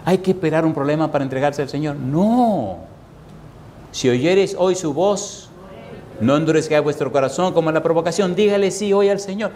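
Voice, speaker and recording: Fervent preaching man, fairly high voice. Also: moderate pace, darkish tone, slight background noise. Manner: dramatic preaching, acting out voices in stories. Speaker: pastor. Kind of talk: sermon.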